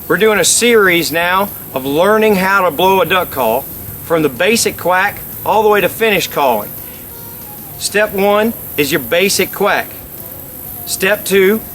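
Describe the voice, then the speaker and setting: A middle-aged man with a notably high voice presents a practical how-to lesson. He explains each step and restates key points for emphasis, speaking outdoors. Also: fairly bright tone. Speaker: instructor, game call company presenter. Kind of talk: instructional how-to demonstration. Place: outdoors by a lake.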